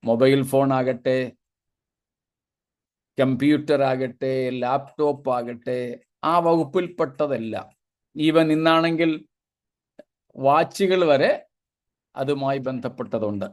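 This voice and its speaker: A man's voice: medium pitch, slow, long pauses. A male pastor giving a Bible sermon, building long spoken lists and dropping in short 'praise God' asides.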